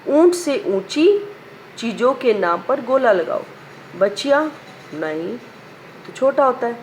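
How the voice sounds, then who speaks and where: A woman's voice: a little high, sing-song, takes it slowly, a little mellow, a little hiss or hum. A woman teacher reciting a children's poem in a sing-song way, asking questions and answering them herself. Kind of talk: primary school lesson recitation.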